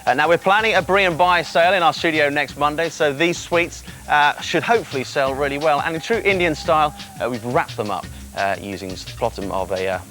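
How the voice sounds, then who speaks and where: A man's voice: on the high side, brisk, few pauses, pushed and bright, faint music behind. A man presenting a children's TV cooking demonstration, chatty and explaining step by step.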